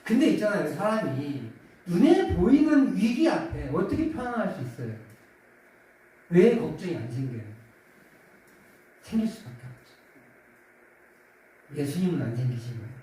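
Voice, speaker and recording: A man pastor giving a sermon in a conversational way, now and then acting out quoted voices with his pitch rising. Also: sing-song, normal speed, pauses often, mellow, slight background noise. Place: church sanctuary. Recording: echoey church hall from far off.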